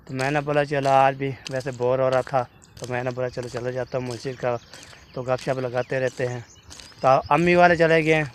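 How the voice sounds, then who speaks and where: A mid-pitched man from Pakistan walks outdoors and narrates his own casual vlog. He speaks slowly and deliberately, repeating fillers and pious phrases as he goes. Faint background hiss and birdsong sit under his voice. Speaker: vlogger. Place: outdoors, walking along a village road.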